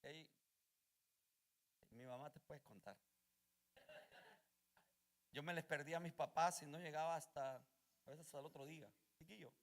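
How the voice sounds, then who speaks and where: A male pastor preaching a fervent sermon, moving between calm storytelling and loud shouted calls to his congregation. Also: fairly high pitch, normal speed, pauses often.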